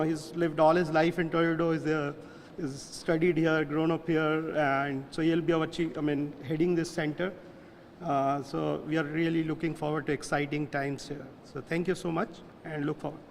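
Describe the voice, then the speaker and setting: A man's voice: fairly high pitch, big-room sound, a little hiss or hum. A man, a company executive, giving an earnest, plainly worded speech at a ribbon-cutting ceremony. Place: large indoor hall.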